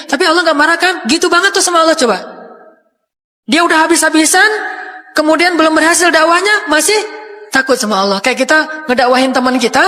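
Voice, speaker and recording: A man's voice: very high voice, sharp tone. A man from Indonesia preaching a sermon, telling stories in a casual, conversational way and acting out the quotes. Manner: casual storytelling with acted quotes. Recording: long hall reverb.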